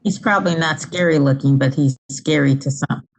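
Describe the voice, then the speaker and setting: A woman with a low-pitched voice speaks casually. She responds in an informal, conversational way within a group discussion. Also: moderate pace, a little hiss or hum, rough recording.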